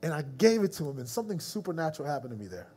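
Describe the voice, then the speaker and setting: A male pastor delivers a storytelling sermon in casual slang, acting out the people in his stories and dropping to a soft, slow voice for reflective moments. His voice is fairly high, very animated, and slightly rough.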